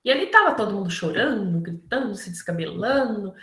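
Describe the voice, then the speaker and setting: A woman's voice: mid-range voice, expressive, a little fast, fairly bright tone, roomy sound. A Brazilian woman from Minas Gerais giving a spiritist talk, earnest and conversational, often asking "né?" and acting out the voices she quotes. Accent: Brazilian Portuguese, Minas Gerais. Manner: earnest and conversational, frequent tag questions, acts out quoted voices. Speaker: spiritist lecturer. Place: lecture hall of a spiritist center.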